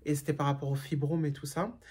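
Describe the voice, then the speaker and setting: This casual vlog features a middle-aged woman from Germany responding candidly to viewer questions, full of fillers and restarts. Her voice is low, dark and husky, with a level tone and a fast pace.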